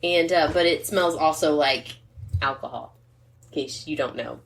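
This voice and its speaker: A woman's voice: low-pitched, normal speed, creaky. A woman co-hosting a podcast in casual, rambling chat, reading a wine label aloud. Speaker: podcast co-host.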